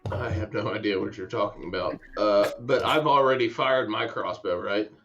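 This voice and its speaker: Excitable tabletop player, dull recording. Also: male voice, on the low side, normal speed, soft background music. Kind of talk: tabletop game play.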